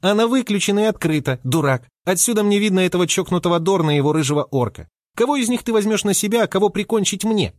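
A scrappy little female squirrel snaps insults in a high, pinched voice, as a male reader puts her on. Her lines are quick and rude, and the audiobook sound is dry and close. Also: lively intonation, no echo. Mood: fierce. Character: fierce feisty female red squirrel.

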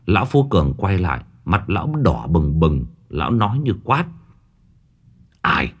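Guy narrating a ghost story, lowish voice, swings all over with expression. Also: sing-song, moderate pace, darkish tone, breathy edge.

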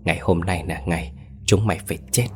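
A man's voice: low-pitched, fast talker, soft background music, close to an everyday voice. A man voicing a vengeful old man who commands corpse spirits, speaking in a menacing roar. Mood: gloating. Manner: roaring, menacing.

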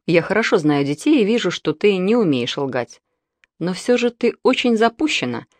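A woman's voice: medium pitch, big pitch swings, normal speed, no room sound. A woman playing a stern scolding aunt. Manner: scolding, curt. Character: strict, stern middle-aged aunt.

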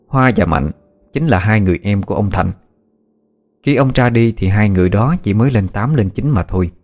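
Low-voiced male story narrator. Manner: steady, measured storytelling. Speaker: audiobook narrator. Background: soft background music.

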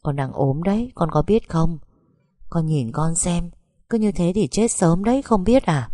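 A woman voicing a worried middle-aged mother in an audio story, coaxing and scolding softly. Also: on the low side, measured pace, dry recording, clean studio sound.

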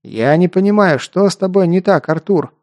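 A battle-hardened mercenary, as a male narrator puts him on, gravelly and short-tempered. He barks orders and swears at his partner in an audiobook scene, his voice dark and close. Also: on the high side, normal speed, close to an everyday voice. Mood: shouting angrily.

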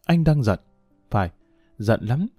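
A man's voice: medium pitch, unhurried, no room sound. A man narrating a story expressively, voicing every character. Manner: expressive, voices all characters. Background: faint music.

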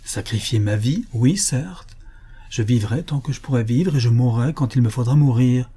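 A man voicing a sick, bitter, hard-drinking rich old builder in a gruff, raised voice that bursts out loudly. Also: mid-range voice, moderate pace, lightly acted.

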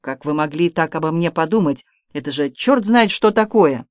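An audiobook reader voicing an excitable, touchy young gentleman who fusses and takes offence easily. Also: medium pitch, no room sound, studio quality, natural voice. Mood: flustered. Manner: fussy, quick to take offence. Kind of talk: audiobook character voice.

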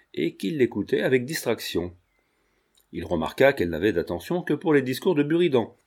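A man narrating an audiobook with a measured, expressive reading. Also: on the low side.

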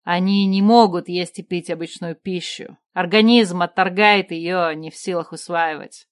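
A woman's voice: on the low side, steady tone, normal speed, lightly acted. Woman voicing a stern male royal advisor. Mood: grave. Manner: stern, clipped. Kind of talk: audiobook character voice.

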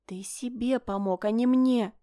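A woman reading aloud and voicing a flustered young duchess who slips into hushed, breathy asides. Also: high-pitched, big pitch swings, normal speed, pitched above the performer's own voice. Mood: snappish.

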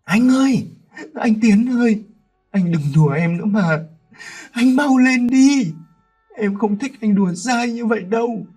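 A man's voice: very high-pitched, unhurried, darkish tone, breathy edge, faint music behind, voice pushed up, heavily acted. A man voicing a desperate young wife who sobs and pleads in grief. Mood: anguished wailing. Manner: wailing, sobbing pleas.

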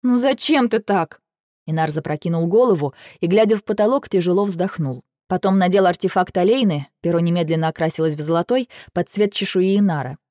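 A woman narrating a first-person fantasy audiobook in an even, measured storytelling manner. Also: on the low side, dry recording, clean studio sound.

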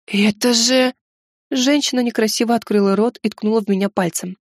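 A woman's voice: medium pitch, fast, a little mellow, no echo. Woman narrating a fantasy audiobook, wry and ironic, dry close sound. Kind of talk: first-person fantasy audiobook reading.

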